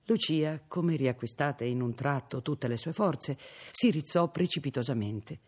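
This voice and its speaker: Husky guy reading a classic novel aloud, slow and dramatic. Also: medium pitch. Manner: measured, dramatic storytelling. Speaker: audiobook reader. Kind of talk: literary narration.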